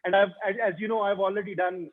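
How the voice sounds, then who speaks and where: A man's voice: high voice, little pitch movement, fast talker. A man hosting a podcast interview, speaking hesitantly with many fillers and restarts. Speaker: podcast host. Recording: tinny phone-like line.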